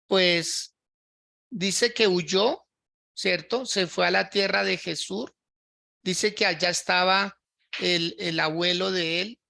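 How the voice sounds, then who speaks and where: A man's voice: high-pitched, creaky, bright, forceful tone, no echo, clean studio sound. A man preaching a sermon as a pastor on a livestream. He works through a scripture passage, repeats phrases, and keeps checking in with listeners by asking "right?" and "yes?".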